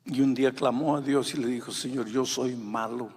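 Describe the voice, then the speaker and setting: A male pastor delivers a sermon with a slightly husky voice. He tells his story softly, then surges into loud, urgent calls to the congregation. His voice rings with a long reverb from a large church hall. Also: medium pitch, fairly even intonation, moderate pace. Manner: swings from quiet intimate storytelling to loud fervent exhortation.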